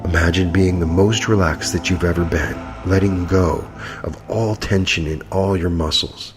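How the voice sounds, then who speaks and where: A man's voice: low-pitched, steady tone, normal speed. A man leading a guided meditation in a soothing, hypnotic manner. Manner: soothing, hypnotic delivery with repeated phrases. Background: music.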